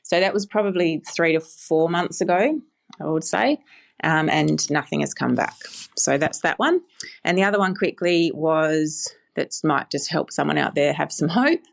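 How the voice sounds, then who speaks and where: A woman's voice: deep voice, normal speed, creaky. A woman in her forties giving a chatty, matter-of-fact casual testimonial. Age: 40s. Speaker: podcast guest giving a testimonial.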